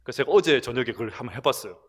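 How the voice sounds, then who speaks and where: Animated middle-aged preacher with Gyeongsang accent. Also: male voice, mid-range voice, rapid-fire, slightly rough. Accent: Gyeongsang Korean. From Gyeongsang region, Korea. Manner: conversational, animated, laughs at own stories. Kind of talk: sermon. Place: church, recorded from broadcast room.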